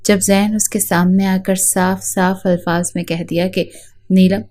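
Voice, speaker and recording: A woman narrates a dramatic story in a steady, even reading. Her tone is mellow and dark rather than bright. She sits at a middle pitch for a woman.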